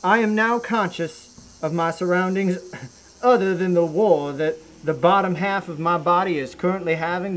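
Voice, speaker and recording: High-pitched Southern gentleman reading a comic story. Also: low-quality recording. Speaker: reader of humorous reviews.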